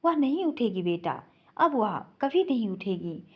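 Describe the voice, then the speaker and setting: A woman voicing a sorrowful middle-aged mother, gently and tearfully consoling her son. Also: mid-range voice, big pitch swings, unhurried.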